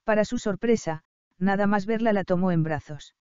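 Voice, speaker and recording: A woman reads an audiobook in a calm, even way, with a warm, mellow tone. Her voice is smooth and dry, close on the mic. The recording sounds dull and lo-fi. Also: medium pitch, normal speed, no echo. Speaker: audiobook narrator. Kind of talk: scripted narration.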